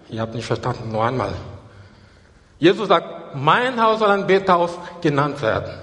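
Emphatic preacher with a ringing hall echo. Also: male voice, fairly high pitch. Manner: emphatic, repeats key phrases. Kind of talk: sermon. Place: church.

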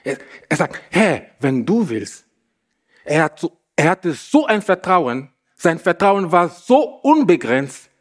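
Male preacher, sermon delivery, slow and emphatic with repeated phrases, a somewhat high voice. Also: sing-song.

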